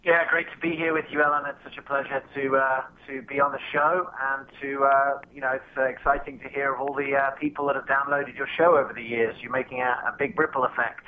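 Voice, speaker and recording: A man's voice: medium pitch, flat delivery, a little fast, few pauses, a little hiss or hum. Guy in his 30s on a phone line, tinny sound, hesitant with lots of ums and restarts. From England. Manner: hesitant, many fillers and restarts. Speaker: guest. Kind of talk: casual interview talk.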